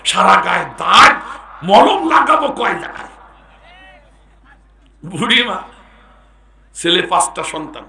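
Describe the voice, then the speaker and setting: A hoarse preacher with a Bangladeshi Bengali accent and a bright, cutting, rather high voice, booming through a loudspeaker that echoes. He drops to a low murmur, then rises into fierce shouts and keeps quizzing the listeners. A faint crowd murmur sits behind him. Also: big pitch swings, takes it slowly, pauses often. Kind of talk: Islamic sermon at a mahfil.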